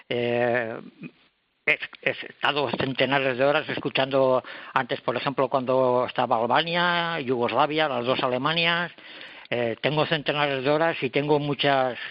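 Older man, halting and dull-sounding. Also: mid-range voice, no room sound. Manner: hesitant, repeats words and restarts. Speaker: radio collector guest. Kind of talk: interview answers.

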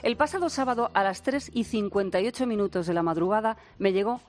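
A woman's voice: medium pitch, fast. A woman radio host delivering a humorous diary column in a wry, playful manner.

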